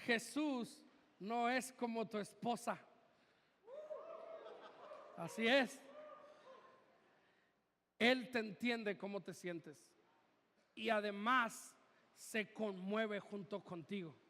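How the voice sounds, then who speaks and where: High-voiced Mexican pastor preaching slowly. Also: male voice, pushed and bright. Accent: Mexican Spanish. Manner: conversational, joking asides to the congregation. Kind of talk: sermon. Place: church hall. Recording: reverberant hall.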